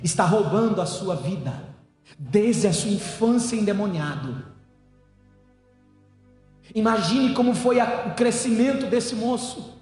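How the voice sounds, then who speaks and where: A high-pitched male pastor delivering a fervent sermon, repeating phrases and rising to shouts at the peaks. His voice rings through a very echoey church hall with a long reverb tail. Soft music plays faintly underneath. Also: lively intonation, unhurried, pauses often. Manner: fervent preaching, swelling to shouts at climaxes. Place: church hall, evening service.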